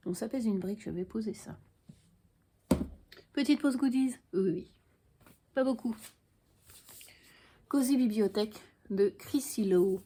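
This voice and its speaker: A woman's voice: medium pitch, dark tone, slightly rough. A woman book vlogger chatting frankly to the camera at home, with dry little asides. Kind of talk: casual chat to camera.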